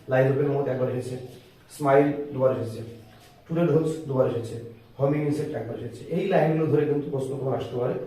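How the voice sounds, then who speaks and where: A man teaching an exam-prep lesson on a poem, speaking slowly and dictating, mixing English and Bengali. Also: a little high, dark tone. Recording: very echoey room, voice from far off.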